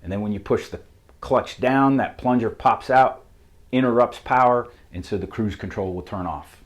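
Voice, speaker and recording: A man's voice: fairly low pitch, normal speed. A man with a Southern accent, a mechanic walking through a technical how-to at a whiteboard in a methodical, plain-spoken way. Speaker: auto mechanic instructor. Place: shop with a whiteboard.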